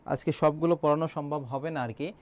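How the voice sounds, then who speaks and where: A man's voice: fairly high pitch, steady tone, a little fast, a little mellow. A young man teaching an online exam-prep class, quizzing students and repeating key answers, with frequent filler sounds.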